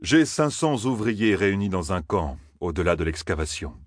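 A flattering, calculating captain, read by a male narrator who probes with courteous words. The voice is very deep and husky, and the recording is dry and close. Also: moderate pace, no echo. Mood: probing. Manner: smooth, courteous and probing.

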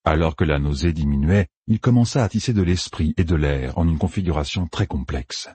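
A man with a deep, raspy voice reads a fantasy novel aloud with dramatic, expressive delivery. His pitch moves a lot through the narration, and the recording is dry and close. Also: brisk, no room sound. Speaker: audiobook narrator. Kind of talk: scripted narration.

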